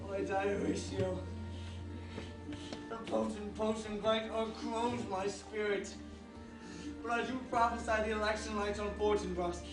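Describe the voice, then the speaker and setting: A man's voice: sits high, fairly even intonation. A man playing an anguished, passionate young prince as he dies, declaiming in theatrical Shakespearean style. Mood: dying, solemn. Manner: theatrical, declaiming, drawn-out dying delivery. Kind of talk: Shakespearean stage acting. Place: theatre stage, recorded from far off. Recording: distant echoey stage recording, music behind.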